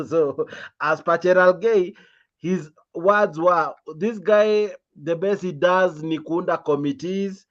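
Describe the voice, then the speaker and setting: A man's voice: fairly high pitch, highs cut off. A Kenyan man hosting a political chat, asking questions and mixing English and Swahili. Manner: interviewer, frequent backchannels, mixing English and Swahili. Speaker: host. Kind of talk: live-stream political chat.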